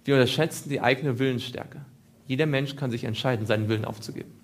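A man's voice: medium pitch, fast. A man preaching a sermon, asking his listeners questions and repeating phrases for emphasis.

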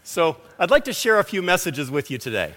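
A man's voice: a little high, big pitch swings, sharp tone. A man with an American English accent, which carries into his German, preaches as a guest in short phrases. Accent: American English, also when speaking German. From born in Germany, lives in America. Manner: slow, halting German with hesitations. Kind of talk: sermon in short phrases for an interpreter. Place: large reverberant hall. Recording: long hall reverb.

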